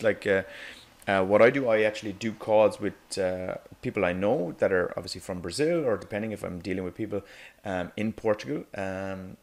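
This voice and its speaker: With a lowish voice, an Irish man teaches negotiation in casual narration for an animated whiteboard video. He's chatty, tosses in "okay?" and "um" often, and lets out light laughs partway through sentences.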